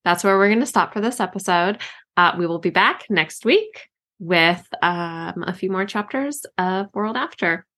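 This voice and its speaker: A woman's voice: mid-range voice, lively intonation, moderate pace, pushed and bright. A woman co-hosting a book podcast, talking casually and laughing easily. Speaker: co-host and co-author. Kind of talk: casual chat.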